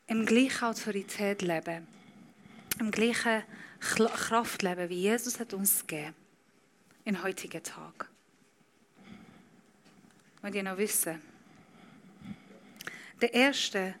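A woman preaching a sermon with passion, speaking German with non-native grammar and building from quiet to loud. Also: mid-range voice, a little hiss or hum.

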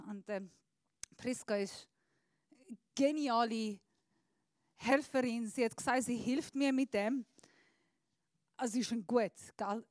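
A woman preaching a sermon into a handheld microphone, speaking slowly and deliberately, and swinging between soft passages and emphatic, louder ones. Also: on the high side, dry recording. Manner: slow deliberate phrasing with pauses.

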